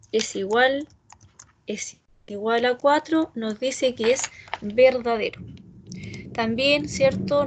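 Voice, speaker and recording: Teacher lady, high voice, takes it slow, keeps asking cierto. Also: slight background noise, rough recording. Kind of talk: online class on R programming.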